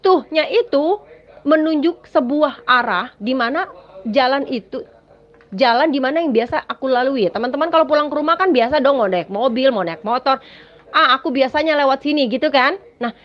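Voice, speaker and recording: In a dull, lo-fi recording, a woman with a high, animated voice shares her personal testimony at normal speed. Her telling is dramatic, and she repeatedly speaks to listeners as "Saudara."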